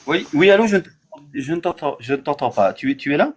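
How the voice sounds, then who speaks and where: A man talking from his cellar workshop over a patchy call connection, hesitant and halting with frequent restarts. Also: on the high side, lively intonation, husky. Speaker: live caller. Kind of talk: casual call-in chat.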